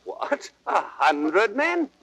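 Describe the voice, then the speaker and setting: An actor playing a mocking, high-spirited young rogue prince, teasing and theatrical in old radio Shakespeare style. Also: male voice, big pitch swings, drawn-out words, bright, forceful tone, heavily acted.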